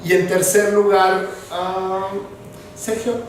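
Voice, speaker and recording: High-voiced pastor preaching in an echoey hall. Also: male voice, little pitch movement, slow, distant mic, a little hiss or hum. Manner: earnest, direct, addresses listeners as you. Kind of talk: sermon.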